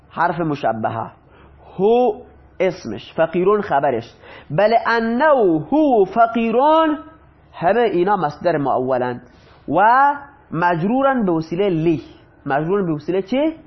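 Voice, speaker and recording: A man with a fairly high voice teaches a grammar lesson. He goes through example sentences slowly and keeps asking his students questions, then answers them himself. The recording sounds dull and lo-fi. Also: breathy edge. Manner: reads Arabic examples slowly, then translates. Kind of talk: Arabic grammar lesson explained in Persian.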